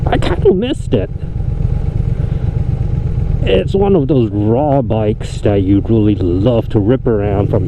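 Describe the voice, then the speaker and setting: A man's muffled voice, as if his mouth is covered by a mask, chats to viewers from a moving motorcycle. He speaks slowly with big swings in pitch, and clear engine and street noise runs behind him. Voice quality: muffled, talking through a face mask. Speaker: motorcycle vlogger and channel host. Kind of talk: casual motovlog chat while riding. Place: outdoors, riding a motorcycle in city streets.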